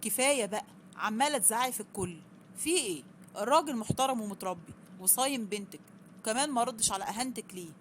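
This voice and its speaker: A woman's voice: fairly high pitch, expressive, quick pace, fairly bright tone, a little hiss or hum. A woman with an Egyptian accent voicing a stern, fair middle-aged father who talks firmly, in a storybook reading. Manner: firm, scolding.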